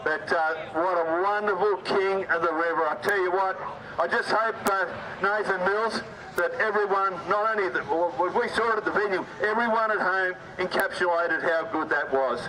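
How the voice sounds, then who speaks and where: Male co-commentator, high forceful voice, folksy and emphatic, distant outdoor mic, faint engine noise. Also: moderate pace. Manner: colourful, folksy, emphatic phrasing. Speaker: race co-commentator. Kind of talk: live event commentary.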